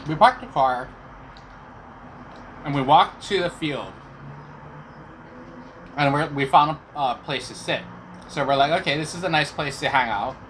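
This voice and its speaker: A man's voice: fairly high pitch, measured pace, long pauses, fairly bright tone, low-quality recording. A middle-aged man telling personal stories casually to viewers, chewing while he talks. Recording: clear background noise.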